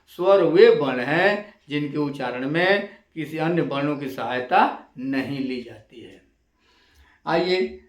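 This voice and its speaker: Slow, deliberate man teaching a lesson. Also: on the high side, reverberant. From India. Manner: slow and deliberate, repeats each definition and stretches out the sounds. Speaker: intermediate college lecturer teaching Hindi grammar. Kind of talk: classroom-style lesson to camera.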